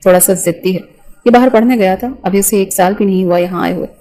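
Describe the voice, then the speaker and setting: A woman voicing a kind, chatty middle-aged mother who runs a company, speaking gently in a storybook. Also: medium pitch, lightly acted. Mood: fond.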